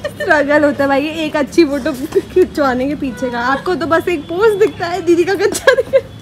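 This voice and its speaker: A woman's voice: sits high, a little fast. A young woman in her twenties chatting and joking with her cousins in a cafe, filmed on a phone held at arm's length. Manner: chatty, joking, frequently laughing. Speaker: vlogger. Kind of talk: casual vlog chat with cousins. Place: busy cafe, indoors. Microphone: phone camera at arm's length. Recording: loud cafe background noise.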